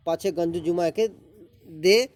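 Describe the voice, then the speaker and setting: A man reading a village man's dialogue aloud, slower and a bit louder than his usual talk. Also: sits high. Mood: reasoning.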